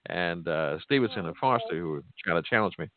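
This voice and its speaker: A man's voice: deep voice, expressive, a little fast, very noisy. A man hosting a casual interview in a joking, teasing way, on phone-like audio. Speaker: host, pastor and church musician. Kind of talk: casual chat. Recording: dull, narrow phone-like sound.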